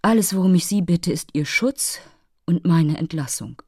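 Woman doing a flippant storybook prince, low and dry, mocking and impatient. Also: lively intonation, moderate pace, mellow, breathy edge, no room sound. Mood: exasperated. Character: flighty young male prince, flippant and exasperated.

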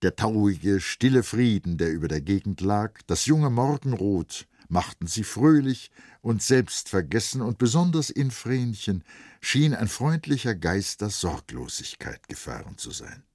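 A male narrator reads literary prose with an expressive, melodic delivery. His voice sits very low and moves through a wide range with a husky grain. It is recorded close and dry. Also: unhurried, dry recording. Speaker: audiobook narrator.

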